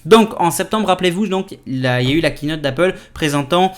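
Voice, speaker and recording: A man presenting a casual tech news vlog, talking in a lively way with many fillers and restarts. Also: fairly high pitch, brisk. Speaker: tech YouTuber.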